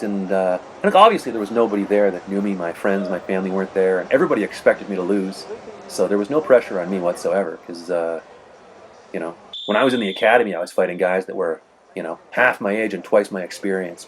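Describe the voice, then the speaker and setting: Rambling low-voiced man narrating fight footage. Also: slight background noise. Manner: rambling, conversational, peppered with "you know". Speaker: martial arts competitor narrating his match footage. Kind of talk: casual narrated commentary over video.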